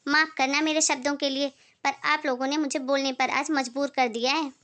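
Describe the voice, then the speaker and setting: A patient young daughter-in-law who speaks with polite firmness, voiced by a woman. Her voice is high and bright, and it is recorded close and dry. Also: steady tone, fairly quick, no echo. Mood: indignant. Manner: polite, firm.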